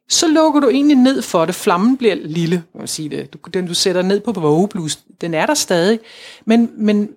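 A woman's voice: mid-range voice, darkish tone. A woman talking casually about spirituality, earnest and coaxing, repeating her points and acting out inner voices. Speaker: spiritual guide.

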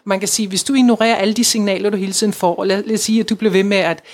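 A woman's voice: medium pitch, fairly even intonation, darkish tone. A woman speaks in a casual conversation about the spirit and the inner self. Her manner is earnest and coaxing, and she circles back over her points. Her voice sits in the middle range. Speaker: spiritual guide.

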